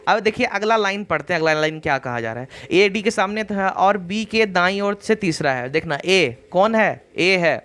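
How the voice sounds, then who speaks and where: High-voiced man teaching reasoning. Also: lively intonation, moderate pace, hardly any pauses, a bit bright. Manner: repetitive, reassuring, checks understanding with "clear?". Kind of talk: online exam-prep lesson.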